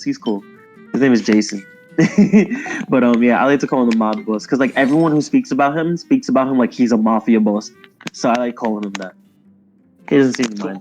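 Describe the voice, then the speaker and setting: A man of middling pitch spins a long, rambling story about his workplace for his stream audience. He keeps slipping into animated impressions of his coworkers. The mic sounds a bit dull, and faint game music plays underneath. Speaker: streamer telling a work story. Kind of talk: casual storytelling chat while gaming.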